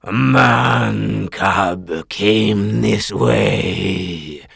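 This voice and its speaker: A man voicing a huge, angry male tiger who speaks slowly, loudly and with menace, in a storybook reading. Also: on the low side, animated, creaky, husky, no echo, clean studio sound, exaggerated voice. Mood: menacing. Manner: slow, loud and looming.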